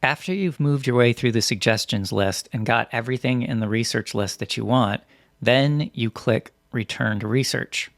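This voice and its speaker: A man reading scripted instructional narration as a software tutorial presenter, in a methodical, step-by-step way. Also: mid-range voice, normal speed, creaky, dry recording, studio quality.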